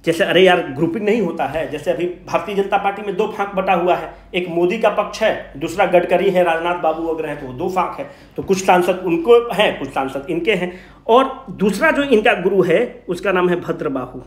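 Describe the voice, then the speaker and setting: Speaking at normal speed, a high-voiced exam coaching teacher with a Bihari Hindi accent runs an informal revision lecture. He raises questions and answers them, emphatically repeating the essentials in plain everyday speech. Heavy echo surrounds him.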